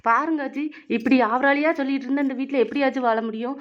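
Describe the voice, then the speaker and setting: A woman's voice: high-pitched, fairly even intonation, muffled recording, a little hiss or hum, lightly acted. A woman voicing a defiant young daughter-in-law who retorts and mocks. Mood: complaining. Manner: retorting, mocking, fast talking. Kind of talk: cartoon voice acting.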